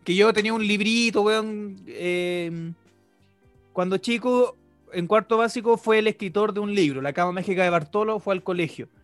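A young Chilean man hosts a casual podcast, teasing and laughing in a clearly high voice. His slangy talk sounds dry and close to the mic. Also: normal speed, no echo, soft background music. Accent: Chilean Spanish. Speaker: podcast host.

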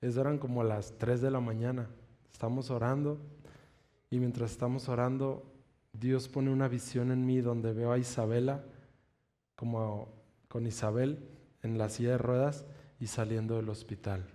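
Man, preacher, sermon testimony, earnest, emphatic drawn-out lines. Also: mid-range voice, fairly even intonation, dark tone.

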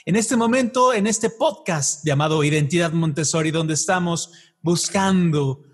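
Slightly husky, enthusiastic podcast host, male. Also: a little high, unhurried. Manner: effusive, enthusiastic. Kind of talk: conversational podcast hosting.

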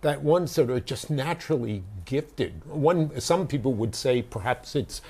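A man with a gravelly, husky voice explains in a halting, reflective way. His tone is dark and relaxed, and he circles back over his own words. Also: mid-range voice. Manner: thoughtful, halting, with many restarts and fillers. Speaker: author and guest. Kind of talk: conversational explanation.

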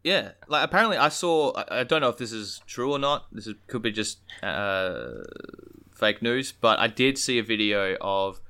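An Australian man chatting casually as a podcast co-host, in halting phrases. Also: on the low side, bright, forceful tone, clean tone. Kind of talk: casual chat.

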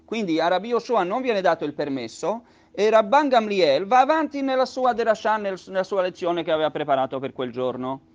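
A man's voice: high voice, animated, brisk. A man teaching a lesson on a religious text. He reads each phrase in Hebrew and then explains it at length, with many patient restatements. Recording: dull lo-fi recording.

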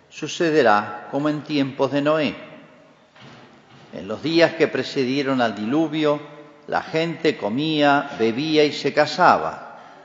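Priest preaching in an echoing church. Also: male voice, mid-range voice. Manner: measured liturgical delivery with emphatic rises. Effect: long cathedral-like church reverb. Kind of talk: Gospel reading and homily. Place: large church. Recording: dull recording with long church reverb.

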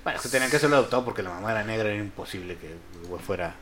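A young man with a Mexican accent talks in quick bursts, his pitch jumping all over as he chats. His speech is loose and full of slang. A faint hiss sits under the voice. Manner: fast, animated, slangy. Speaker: podcast co-host. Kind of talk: casual chat.

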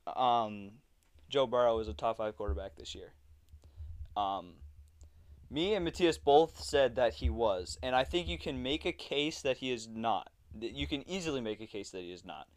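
A young man leads a relaxed football chat, loose and joking and quick to laugh. His voice is smooth and clear, sitting at an ordinary pitch for a man. He keeps it light and easygoing throughout. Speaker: podcast host. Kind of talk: casual sports chat.

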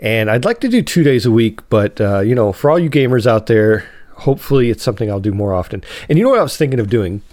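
This solo podcast host talks fast and animatedly in a darkish mid-range voice, with no echo. He has a cold that makes him sound nasal, and his casual talk rambles with frequent self-corrections.

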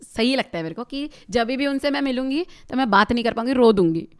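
A young woman in her twenties, a rapper guest on a podcast, telling a story in an animated, laughing way. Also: a little high, a little fast, smooth. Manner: animated, laughs often, mixes Hindi and English. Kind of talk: casual storytelling chat.

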